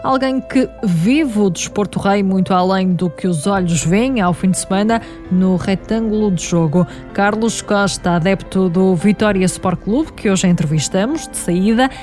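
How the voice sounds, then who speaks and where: A woman's voice: medium pitch, darkish tone. A woman with a European Portuguese accent reads a scripted feature as a reporter. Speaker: reporter and interviewer.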